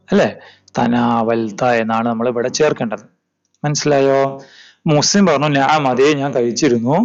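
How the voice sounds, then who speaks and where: A man, teaching as he goes through an exam paper. He reads lines slowly, then explains them quickly and asks his pupils questions. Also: medium pitch, darkish tone. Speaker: Arabic teacher. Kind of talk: exam paper walkthrough lesson. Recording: slightly dull audio with faint background music.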